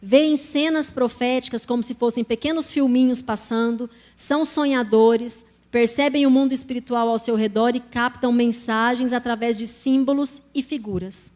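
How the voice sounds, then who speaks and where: A woman's voice: on the high side, steady tone, normal speed, hardly any pauses, a little mellow. A Brazilian woman preaching in Portuguese to a congregation, telling her own testimony in a conversational way and speaking to them directly. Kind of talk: sermon with personal testimony.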